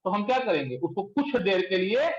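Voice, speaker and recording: A male chemistry teacher lecturing a class in speech, quizzing students and pushing them to answer quickly. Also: high-pitched, big pitch swings. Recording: echoey room, dull lo-fi sound.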